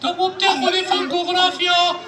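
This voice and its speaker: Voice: very high-pitched, quick pace. A party entertainer with an Egyptian accent, teasing and calling out to children during a puppet show. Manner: lively, teasing, calls out to the kids. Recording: echoey hall from far off, loud crowd.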